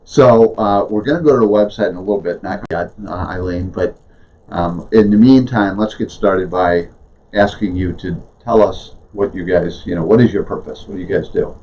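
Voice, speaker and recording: A man hosting an interview, asking relaxed and rambling questions. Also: sits low, moderate pace. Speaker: interview host. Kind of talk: conversational interview. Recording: dull lo-fi sound.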